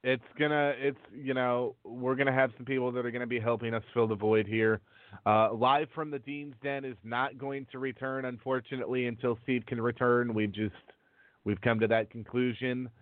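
A man chats casually as the co-host of a podcast. His pitch sits in the middle range for a male voice. The sound is dry and narrow, like a call over a phone line. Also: level tone, moderate pace, dry recording. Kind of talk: casual chat. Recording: tinny, phone-like dry connection.

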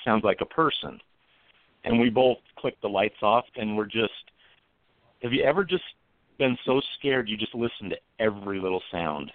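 A man's voice: on the low side, lively intonation, no room sound. Man telling a story over the phone. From American mountain country. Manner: earnest, measured storytelling. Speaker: guest. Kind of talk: storytelling on a talk show. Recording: tinny phone line, dry.

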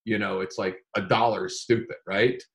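A man talking casually about his day trading, animated and rambling, with frequent restarts. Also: fairly low pitch, normal speed, vocal fry. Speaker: day trader. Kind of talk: casual conversation.

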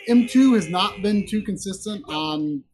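A man's voice: high-pitched, expressive, measured pace, darkish tone. A man hosting a casual gaming podcast, rambling and hedging, often laughing as he talks. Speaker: podcast host.

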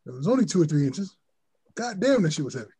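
A man co-hosting a casual sports podcast, talking in an animated way, swearing freely and often laughing. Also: a little high, fast talker, a crowd in the background, poor audio. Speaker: podcast co-host.

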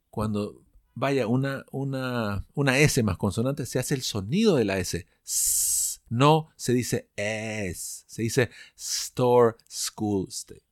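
A man's voice: medium pitch, no echo. A male English teacher, explaining patiently and stretching out example words. His voice sits in a middle register and sounds dry and close. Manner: explanatory, drawn-out demonstrations of pronunciation. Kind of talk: online language lesson.

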